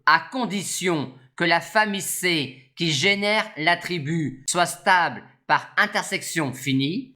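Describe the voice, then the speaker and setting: A lecturer giving a scripted maths explanation in a measured, formal manner. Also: mid-range voice, bright, forceful tone. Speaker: mathematics lecturer.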